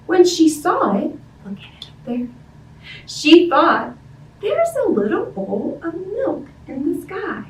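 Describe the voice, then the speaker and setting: During story time for little ones, a woman reads a picture book with expression and chats in easy, child-directed language, asking her listeners questions. Her voice is very high-pitched, sing-song, and slow, and the room sounds spacious and distant with faint noise.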